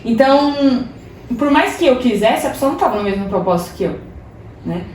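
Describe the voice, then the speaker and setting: A young adult woman shares a personal story as a podcast guest, chatty and self-mocking, often breaking into laughter. Her voice sits a little high. The mic picks her up from a distance in a strongly echoing room with a faint hiss. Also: lively intonation, a little fast, a little mellow. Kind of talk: casual testimony storytelling.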